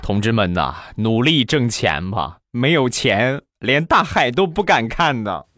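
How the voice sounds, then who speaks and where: A man hosting a comedy show, telling funny anecdotes in a chatty, animated manner and acting out the voices. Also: mid-range voice, a little slow, over loud music. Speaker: comedy host. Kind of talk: comic storytelling.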